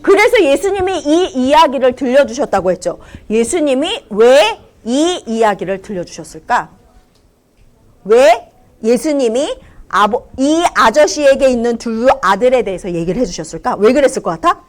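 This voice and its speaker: A young woman teaching preschoolers in a church classroom, telling the story in a high, lively voice. She exaggerates and questions the children as she goes, and her pitch swoops up and down. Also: normal speed.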